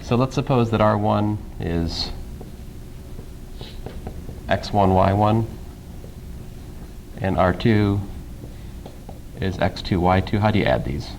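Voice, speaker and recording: A man lectures a calculus class with a low, gravelly voice. He keeps it casual and dryly sarcastic, stopping to question his students. A faint hum of the classroom sits underneath. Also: lively intonation, slow, long pauses, darkish tone, poor audio. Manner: casual, dry sarcastic humor, talks through steps with questions to students. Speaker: math professor.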